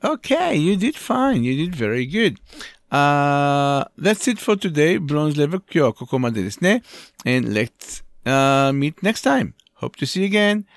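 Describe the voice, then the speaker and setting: A man leads a children's English lesson with slow, careful delivery, spelling out each word letter by letter. His voice sits a little high and moves around a lot in pitch. The sound is dry and close, with no room echo. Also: sing-song. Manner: switches between English and Japanese. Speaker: English teacher.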